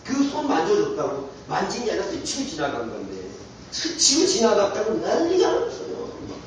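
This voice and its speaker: A male pastor delivers an impassioned sermon with a high, swinging voice, pressing the congregation with question after question. He is heard from a distance in an echoey church hall on a dull, muffled recording. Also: huge pitch swings, moderate pace, a little hiss or hum. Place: church sanctuary.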